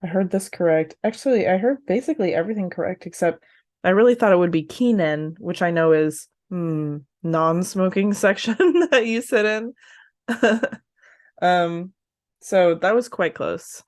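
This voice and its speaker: A woman's voice: lowish voice, normal speed, a little mellow, no room sound, clean studio sound. A woman who is a native English speaker, casually studying a language aloud, talking to herself and repeating syllables as she sounds them out. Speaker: language learner hosting a practice session.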